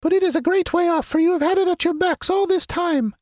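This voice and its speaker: A man reading a storybook aloud, voicing a tiny, gracious female queen of mice in a squeaky voice. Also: a little fast, darkish tone, dry recording, studio quality. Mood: kindly.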